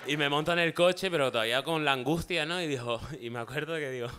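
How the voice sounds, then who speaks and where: A man's voice: fairly high pitch, fast talker. A man telling funny childhood stories in casual chat, acting out the voices of people in them. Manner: animated storyteller, acts out voices in anecdotes. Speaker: talk show guest.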